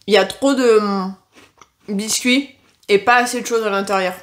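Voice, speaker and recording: A woman's voice: medium pitch, steady tone, moderate pace. Chatty, frank woman doing a taste test. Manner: chatty and frank, leaning on "franchement" and "concrètement"; hesitant, with frequent filler sounds and self-corrections. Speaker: food tasting vlogger. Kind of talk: casual taste-test chat to camera.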